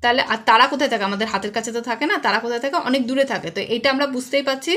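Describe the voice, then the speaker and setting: A woman's voice: fairly high pitch, rapid-fire, a bit bright. A woman with a West Bengal Bengali accent teaching a children's English lesson, patiently asking questions and then answering them herself. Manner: patient, asks and answers her own questions.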